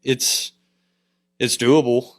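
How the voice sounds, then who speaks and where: A man, a land clearing business owner talking in a casual interview in a relaxed, plainspoken way with lots of fillers. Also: mid-range voice, extremely slow.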